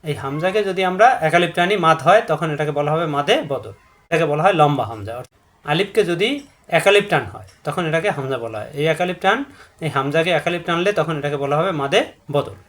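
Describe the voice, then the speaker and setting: A man gives a step-by-step Quran recitation lesson. He repeats each rule patiently and draws out example syllables to show their length. His voice sits somewhat high for a man. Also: lively intonation, fast, a bit bright. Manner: patient, repetitive, drawing out syllables to demonstrate.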